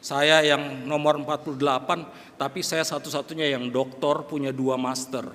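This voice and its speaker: A man's voice: fairly high pitch, little pitch movement, normal speed, fairly bright tone. A middle-aged male pastor preaching a sermon, telling a personal story with feeling and quoting himself. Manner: emotional storyteller, quotes himself and sings lines. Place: church hall. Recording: long church reverb, faint noise.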